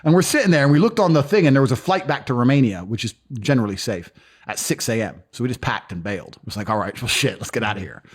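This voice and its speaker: A man's voice: mid-range voice, slightly rough. A man telling stories in a casual interview, blunt and profane. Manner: fast, animated, profane storytelling. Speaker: guest.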